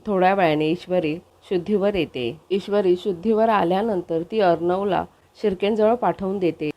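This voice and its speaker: A woman reads a television serial's plot recap aloud. Her delivery is steady and even, sounding scripted, at a middle pitch. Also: muffled recording.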